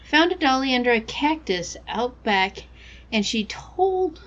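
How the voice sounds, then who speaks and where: A woman's voice: sits high, very animated, a little slow, lo-fi sound. A woman voicing a naive, uneasy young country girl, reading her diary aloud in a game.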